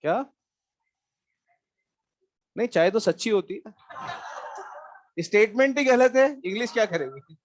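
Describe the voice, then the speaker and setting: A man's voice: high voice, lively intonation, a little slow, long pauses, a little hiss or hum. A man teaching math in a live class, chatting with students and then working through a problem. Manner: mixes Hindi with English math terms, asks students questions.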